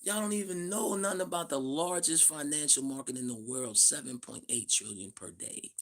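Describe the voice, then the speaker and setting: A man in his fifties hosts a live stream in a blunt, profane, preachy monologue. His voice is gravelly and husky, with a rough edge to every line. He greets viewers in the chat between his points. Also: a little high, normal speed, fairly bright tone. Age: 50s. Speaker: livestream host. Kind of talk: livestream monologue.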